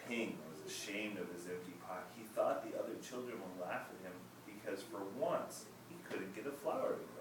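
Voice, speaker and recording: A man reading a children's story aloud in a gentle, measured way. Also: fairly low pitch. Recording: echoey room, distant mic, noisy.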